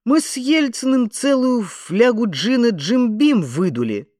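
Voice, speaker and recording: A man's voice: very high-pitched, sing-song, unhurried, darkish tone, dry recording, clean studio sound, pitched above the performer's own voice, heavily acted. A man voicing an irate American television producer in an audiobook, with a hissing, furious delivery. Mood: indignant.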